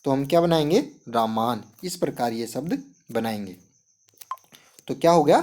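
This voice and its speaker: A man's voice: medium pitch, expressive, moderate pace, darkish tone. A man teaching a Sanskrit lesson, explaining step by step and asking and answering his own questions. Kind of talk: classroom lesson.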